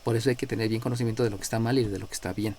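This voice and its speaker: A man's voice: fairly low pitch, steady tone, very fast, a little mellow, slight background noise. A man with a Mexican accent lecturing as a math teacher in a live class, explaining step by step and checking in with his students. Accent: Mexican Spanish. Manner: explanatory, checks in with frequent "¿no?", calls on students by number.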